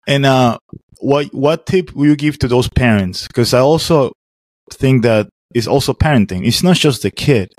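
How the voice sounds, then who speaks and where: A man hosting a podcast interview. He speaks haltingly and often repeats words as he searches for phrasing. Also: medium pitch, no room sound, studio quality. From Venezuela. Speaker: podcast host.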